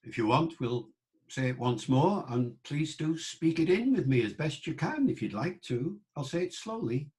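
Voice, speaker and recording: An older man giving an online lecture, pronouncing words slowly and repeating them to show how they sound. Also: on the high side, big pitch swings, a little mellow. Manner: slow, careful, repeats words to demonstrate sounds. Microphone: online talk microphone.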